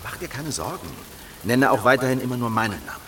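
In a German radio drama, a male actor voices the calm, determined head of a secret heretical circle, persuading with quiet confidence. His pitch is medium and his pace quick, with a slight hiss or hum on the recording.

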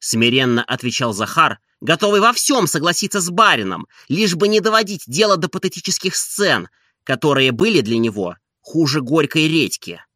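A man narrating an audiobook in an expressive, animated reading style. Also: on the high side, moderate pace, no room sound, studio quality.

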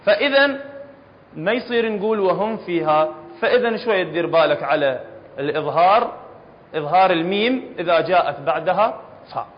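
A man's voice: high-pitched, animated, a little fast, long pauses. A man with an Iraqi Arabic accent teaching Quran recitation rules to a class, quizzing students and patiently repeating each point. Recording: reverberant hall, dull lo-fi sound.

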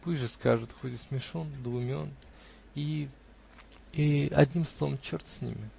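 A man reading a classic novel aloud in the first person, with expressive storytelling. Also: medium pitch, a little slow, vocal fry, slightly rough.

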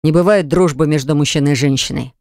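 A reader voicing a jealous, hot-tempered man who growls and hisses his words, lower than the narration, in an audiobook. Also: fast, a little mellow, no room sound, studio quality, natural voice. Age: adult. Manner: growling, hissing through teeth. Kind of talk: audiobook acting.

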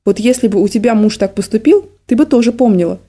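A woman reading an audiobook voices a frail, confused old woman in a nursing home who rambles and then turns shrill and accusing; her voice is mellow. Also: quick pace, close to an everyday voice. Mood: hostile, shrill.

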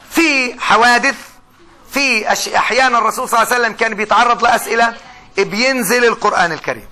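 A man leads a religious studies class. His voice sits very high and cuts bright. He moves briskly and quizzes his students with rhetorical questions. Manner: explains with rhetorical questions, stretches recited words. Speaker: Quran studies lecturer. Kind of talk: classroom lecture.

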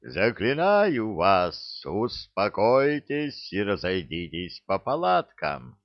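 A towering brute of a man plays at being a priest, as a male storyteller puts him on, drawing out every word in a grand, unhurried sermon tone. His lines sit a touch above the reader's own voice and swing widely in pitch. The audiobook recording is dry and a little muffled. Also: sing-song, vocal fry, dry recording, exaggerated voice. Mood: solemn preaching. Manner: slow, solemn, booming sermon-like delivery. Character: huge muscular man posing as a pompous preacher.

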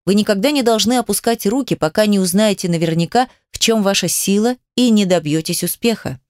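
A woman reading the part of an adult male mage teacher, calm and instructive, a little condescending. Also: mid-range voice, a little fast, no echo, clean studio sound, natural voice.

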